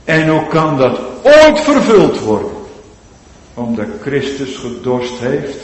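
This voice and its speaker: A man preaching a sermon, swinging between loud pleading cries and hushed, drawn-out low phrases. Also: wildly swooping pitch. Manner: slow, drawn-out emphatic delivery. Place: large church. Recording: echoey church hall with long reverb.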